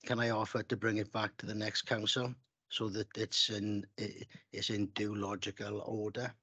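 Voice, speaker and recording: Husky councillor, hesitant. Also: male voice, lowish voice, flat delivery, normal speed, pushed and bright, no echo. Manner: hesitant, with fillers and throat clearing. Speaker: council member. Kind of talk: formal meeting debate.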